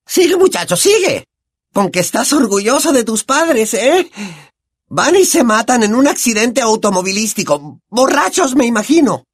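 A shrill, boozy older aunt, sneering and cruel, her voice leaping high and low. She speaks with a Latin American Spanish accent in a dry, close recording. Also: sing-song, normal speed, husky, no room sound, exaggerated voice. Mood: furious.

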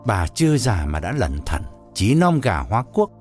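A man voicing a calm, dismissive older husband in an audiobook, with an offhand, scolding manner. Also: fairly low pitch, moderate pace, faint music behind. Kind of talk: audiobook storytelling.

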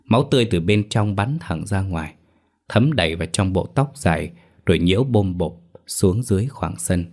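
A man reading a horror story aloud as a storyteller, in a measured, slow manner. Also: sits low, expressive, a little mellow. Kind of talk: scripted horror story narration.

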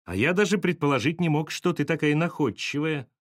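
A man voicing a calm, slightly apologetic businessman. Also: medium pitch, moderate pace, no room sound, clean studio sound. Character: calm, wry middle-aged businessman.

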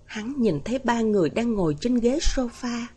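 A woman narrating a novel as an audiobook, reading in an even, steady way. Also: on the high side, normal speed, breathy edge.

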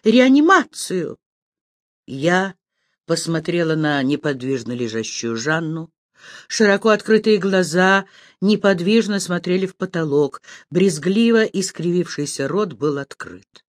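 A woman narrating a crime novel in the first person, expressive and animated. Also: on the low side, measured pace, dry recording, clean studio sound. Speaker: audiobook narrator.

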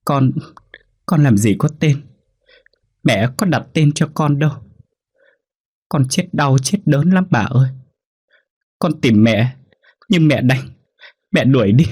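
A small ghost child's voice, pitched high above a man's usual register and full of plaintive, tearful begging, as a male storyteller puts it on. The voice is slightly husky underneath. It belongs to a spoken ghost story. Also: lively intonation, slow pace, long pauses, darkish tone. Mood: pleading, mournful. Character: ghost of a small unnamed child, beaten and abandoned, pleading.

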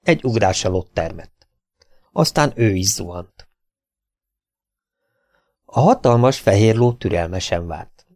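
A man with a low, gravelly voice narrates an adventure novel as an audiobook, reading in a steady, even way. The recording is dry and close, with no room sound or echo.

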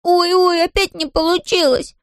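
A curious, kind little boy, as a woman plays him in a storybook, his voice raised a little above hers. He talks in bright exclamations, recorded close and dry. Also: sits high, expressive, normal speed, no room sound, pitched above the performer's own voice. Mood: frustrated. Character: curious kind young boy, shrunk tiny.

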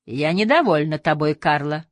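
A woman voicing a secretive, cruel old madam with a grating, gravelly voice and a mocking, reproachful manner. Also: low voice, animated, moderate pace, no room sound, studio quality. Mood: displeased.

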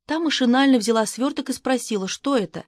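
A woman narrating a first-person audiobook in a brisk, lively storytelling manner. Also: high voice, no echo, clean studio sound. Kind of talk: scripted narration.

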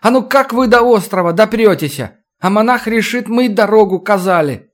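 A man's voice: high voice, normal speed, pitched above the performer's own voice, natural voice. A man doing a tearful rustic teenage boy. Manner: rustic folk dialect, pleading. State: tearful, sniffling. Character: sobbing teenage swamp boy, rustic, frightened.

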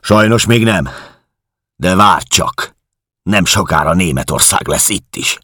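A man voicing a hulking, bullying male officer who shouts with contempt. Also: low voice, sing-song, slightly rough, no room sound, studio quality, pitched above the performer's own voice, exaggerated voice. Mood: angry bullying.

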